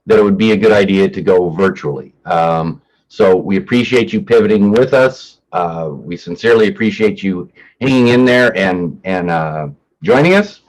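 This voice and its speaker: A man with a fairly low voice acts as announcer and narrator for a staged reading, delivering stage directions plainly and matter-of-factly. His intonation is lively, his speed normal, and the audio quality is poor.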